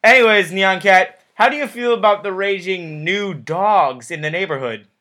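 A man's voice: high voice, normal speed, bright, forceful tone. A man hosting a playful mock news report, jokey and loose.

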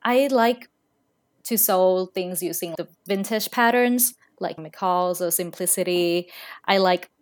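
Speaking slowly in a low voice, this Thai woman founded a fashion brand and is chatting as a guest on a podcast. The casual interview has her relaxed and reflective, often reaching for "you know" and "like."

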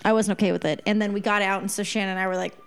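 A woman's voice: medium pitch, very fast, gravelly, smooth, soft background music. A woman co-hosting a podcast, telling a story in casual chat and acting out the people in it. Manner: animated storyteller who acts out quoted people. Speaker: podcast co-host.

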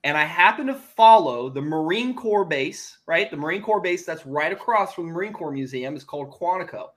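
Brief: male podcast guest, comic storyteller, self-mocking, slightly high-pitched. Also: fairly quick. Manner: animated, self-mocking, jumps between hushed and loud.

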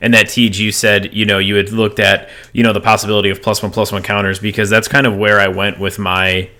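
Guy on a card game podcast, lowish bright voice, lots of ums. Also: a little fast. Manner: relaxed, many fillers and restarts. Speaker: podcast co-host. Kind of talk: casual chat about card game decks.

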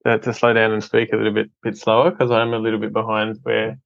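Fast and completely flat, with a low, gravelly voice, the Adelaide-born film company head talks earnestly as a podcast guest in a relaxed interview. He frequently restarts and repeats words, and the audio is dry and muffled.

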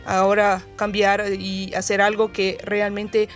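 A woman's voice: mid-range voice, completely flat delivery, slow. A Brazilian woman, a native Portuguese speaker, talking as a guest coach in a conversational interview in hesitant, accented Spanish. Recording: music playing behind. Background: background music.

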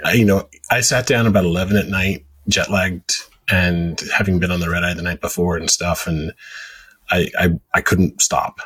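Husky low-ish guy hosting a podcast, rambles through stories. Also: steady tone, normal speed, fairly bright tone. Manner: rambling anecdotal storyteller. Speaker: podcast host. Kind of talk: casual podcast chat.

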